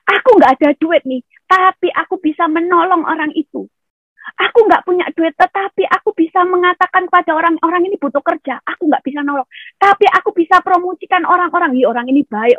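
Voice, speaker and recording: A woman's voice: high voice, fairly bright tone, no room sound, highs cut off. A woman pastor preaching and hosting an online Q&A, asking the listeners rhetorical questions. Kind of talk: sermon and Q&A hosting.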